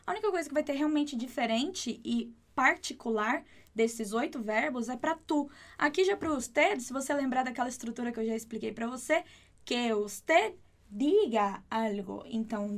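High-voiced woman teaching Spanish. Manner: explains patiently, repeating words slowly and clearly. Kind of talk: online language lesson.

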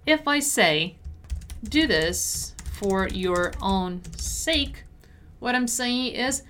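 Woman English teacher, slightly high pitch, patient drills of phrases. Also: lively intonation, a bit bright. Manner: patient, repeats model sentences slowly and checks with "right?". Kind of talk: language lesson explaining phrases.

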